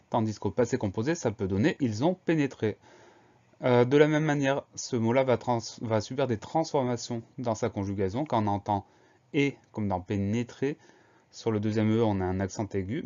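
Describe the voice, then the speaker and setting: A man's voice: lowish voice, brisk, warm tone, highs cut off. A man teaching a spelling lesson, patiently breaking words into syllables and spelling them out letter by letter.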